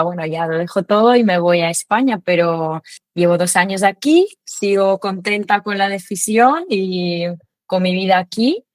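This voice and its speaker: A woman speaking Spanish as a second language, answering interview questions in a relaxed, thoughtful way with many small fillers. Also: lowish voice, dry recording. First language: not Spanish. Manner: thoughtful, lots of fillers and self-corrections. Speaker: podcast guest. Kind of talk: casual interview chat.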